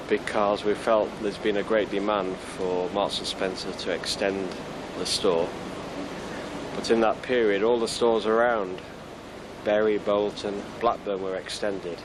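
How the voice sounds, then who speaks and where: A man in a store manager's role, giving measured, businesslike answers in an interview. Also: fairly low pitch, noisy background.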